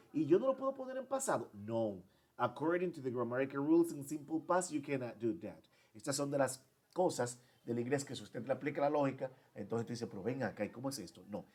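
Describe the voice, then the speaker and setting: Male English teacher, explains each grammar rule in both languages. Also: mid-range voice. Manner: switches between Spanish and English, repeats and translates each point. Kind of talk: bilingual grammar lesson.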